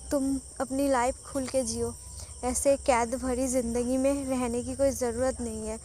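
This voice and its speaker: A woman's voice: sits high, level tone, unhurried, dark tone, slight background noise. A woman voicing a possessive male mafia husband in a storybook audio drama, teasing and smirking. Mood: remorseful.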